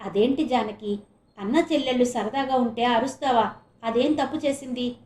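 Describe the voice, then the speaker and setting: A woman's voice: fairly high pitch, steady tone, normal speed, darkish tone, echoey room, lightly acted. A woman voicing an exasperated middle-aged husband and father who speaks in a stern, reasoning tone.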